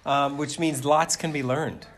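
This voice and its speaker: A man's voice: on the high side, fairly even intonation, unhurried, soft background music. Middle-aged man, playful casual interviewer. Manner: playful, teasing. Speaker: father interviewing his children.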